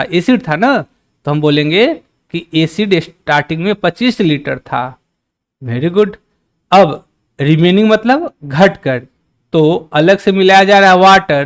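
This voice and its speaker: Chatty man teaching maths to a live chat. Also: high voice. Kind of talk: live-stream maths lesson.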